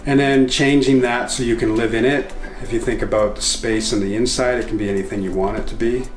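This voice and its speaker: A middle-aged man giving a casual tour of his container cabin, relaxed and hesitant with fillers. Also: medium pitch, a little fast, reverberant, music in the background. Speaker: container home builder. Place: outdoors on a hilltop and inside a container cabin.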